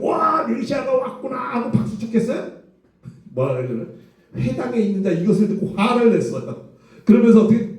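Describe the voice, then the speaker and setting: Lively preaching man in echoey room. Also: high-pitched, recorded from a distance. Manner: lively storytelling with rhetorical questions and chuckles. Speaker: pastor. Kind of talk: sermon.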